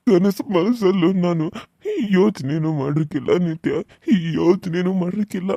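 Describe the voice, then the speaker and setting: A man's voice: high-pitched, warm tone, dry recording, studio quality. A man voicing a young village husband in a cartoon serial, speaking North Karnataka Kannada and repeating himself in anguished outbursts.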